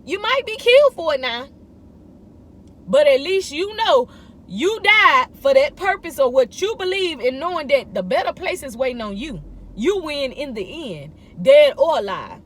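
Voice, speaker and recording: A woman in her thirties with a high voice delivers a casual morning devotional. She speaks emphatically and repeats short phrases to drive her encouragement home. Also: sing-song, normal speed. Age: 30s. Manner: emphatic, repetitive exhortation in informal speech. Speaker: vlogger giving morning encouragement.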